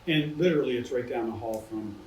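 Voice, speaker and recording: Man interviewing in an echoey room. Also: medium pitch. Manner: friendly, measured, with fillers. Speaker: interviewer for a county development board. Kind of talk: recorded interview. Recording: echoey room, distant mic.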